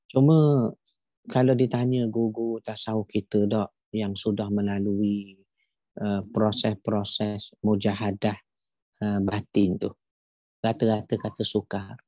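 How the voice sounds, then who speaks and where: A middle-aged man with a Malaysian Malay accent, teaching an animated religious lecture and acting out scenes as he preaches. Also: lowish voice, dry recording. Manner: animated preaching, acts out weeping recitation.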